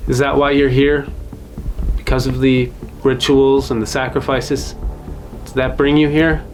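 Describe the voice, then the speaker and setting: A man's voice: mid-range voice, level tone, a little slow, a little hiss or hum. A young man hosting a ghost-hunting vlog in an old haunted inn, questioning spirits intensely and repeating words back. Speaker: paranormal investigator host. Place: old haunted inn, dark rooms indoors. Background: eerie music.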